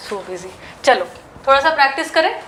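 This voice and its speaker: A woman teacher with an Indian accent, drilling English grammar sentences in a classroom lesson, slow and word by word. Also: sits high, big pitch swings, sharp tone, a little hiss or hum.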